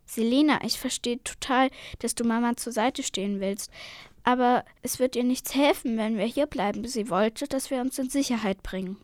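A reassuring young boy twin, as a woman reads him in a storybook, earnest and persuasive. The voice sits fairly high and sounds close and dry. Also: moderate pace, dry recording, lightly acted.

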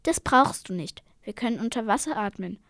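A woman's voice: a little high, expressive, a little fast, fairly bright tone, dry recording, studio quality. A woman voicing a young girl, an anxious and caring twin who speaks with emotion and pleading. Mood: reassuring.

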